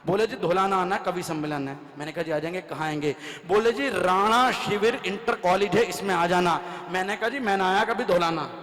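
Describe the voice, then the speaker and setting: High-voiced male stage comic. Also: a little fast. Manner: lively storyteller acting out dialogue with rhythmic repetition. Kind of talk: stand-up comic storytelling at a poetry gathering. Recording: reverberant live PA sound.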